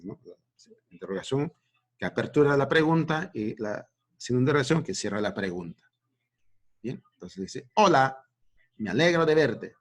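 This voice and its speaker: A man with a Peruvian Spanish accent, teaching a remote school lesson in a patient, explanatory way, often checking in with "¿no?". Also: lowish voice. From Peru. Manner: explanatory, repeats "¿no?" and "muy bien". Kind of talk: remote class lecture.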